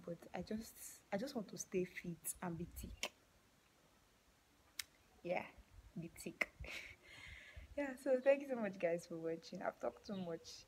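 A woman with a Nigerian accent, out of breath after exercise, chatting playfully to her viewers and often dropping to a breathy half-whisper. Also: lowish voice, a little mellow, slight background noise, poor audio. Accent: Nigerian English. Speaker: vlogger. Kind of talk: casual chat to camera.

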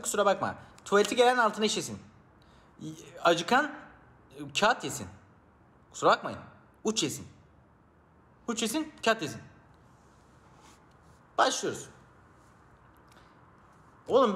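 A man with a high voice streams live, joking and teasing his viewers as a mock teacher. His pitch climbs and dips all over the place, and he swings from loud outbursts to low mumbles.

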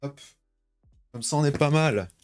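A man's voice: fairly high pitch, measured pace, no room sound, clean studio sound, soft background music. A young man casually chatting with his viewers during a home live stream, rambling and reading out chat messages. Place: home bedroom.

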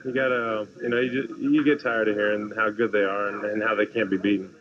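A young college basketball player in his twenties giving a postgame interview, halting and repeating words. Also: lowish voice, little pitch movement. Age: 20s. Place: crowded arena hallway. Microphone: handheld reporter mics. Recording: lo-fi 1990s TV clip with crowd.

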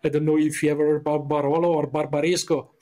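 A man's voice: a little high, little pitch movement, quick pace, mellow. A man from Italy with an Italian accent, a podcast guest chatting casually and searching for words with many fillers.

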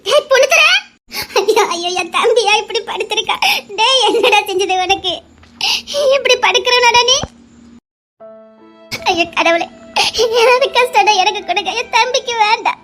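Brief: actress as a grieving older sister with a Tirunelveli Tamil accent, wailing lament, very high bright voice. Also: female voice, moderate pace, pauses often, soft background music. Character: grieving older sister wailing over her sick brother. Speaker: actor in a family drama. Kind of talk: weepy family drama acting.

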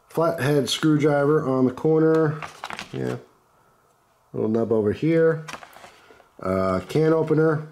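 A man with a hoarse, congested voice from the flu, casually reviewing gear in a laid-back, chatty way. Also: medium pitch, darkish tone. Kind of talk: casual unscripted product commentary. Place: indoors at a wooden table.

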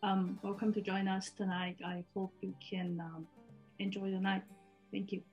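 A woman training officer giving a quiet, hesitant welcome on a video call. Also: medium pitch, little pitch movement, moderate pace, faint music behind. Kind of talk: brief greeting. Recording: dull lo-fi video call audio.

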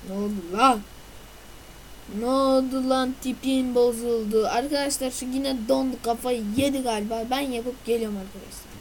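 A woman hosts a let's play video, chatting with viewers as she plays and breaking into silly noises and outbursts at the game. Her fairly high voice has fairly even intonation and normal speed, on a low-quality recording with a little hiss or hum.

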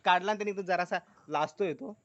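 A man's voice: sits high, a little fast, fairly bright tone, highs cut off. Upbeat man vlogging on a rainy village walk. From Konkan, India. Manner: upbeat, keeps praising what he films. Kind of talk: casual walking tour narration. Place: village outdoors in rain.

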